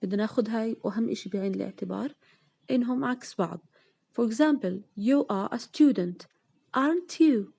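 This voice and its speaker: Lady explaining grammar, mixes in english terms, highish pitch. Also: vocal fry, warm tone, husky. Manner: slow, stressed English example sentences with rising question tags.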